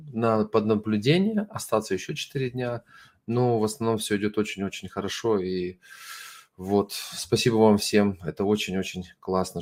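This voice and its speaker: A middle-aged man with a low-pitched voice and a creaky, gravelly edge speaks Russian as a non-native. He addresses his online viewers informally and earnestly, halting often to search for the right word. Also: darkish tone. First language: not Russian. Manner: apologetic, earnest. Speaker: host of an online religious ministry broadcast.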